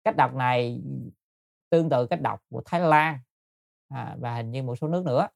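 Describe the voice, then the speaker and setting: A man's voice: medium pitch, moderate pace, creaky, dry recording, studio quality. A man giving a Buddhist dharma talk, explaining patiently and politely to his listeners with frequent hesitations. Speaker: Buddhist teacher.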